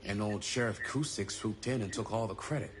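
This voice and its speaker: A man's voice: lowish voice, fairly quick, lightly acted. An actor playing a dry, skeptical young man investigating in a video game, in a naturalistic style. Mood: wry.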